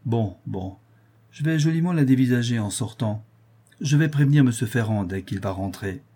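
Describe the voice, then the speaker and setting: A man's voice: medium pitch, lively intonation, normal speed, warm tone, breathy edge. A man voicing a vain, flippant rich dandy who mocks and chatters, in an audiobook reading. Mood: joking. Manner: flippant and mocking.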